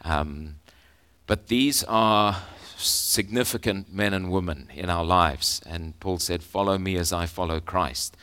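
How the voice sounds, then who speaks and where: A man preaching a sermon as pastor, earnest and halting with frequent fillers, reading scripture aloud with slow emphasis. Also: sits low, bright, forceful tone, clear, resonant tone.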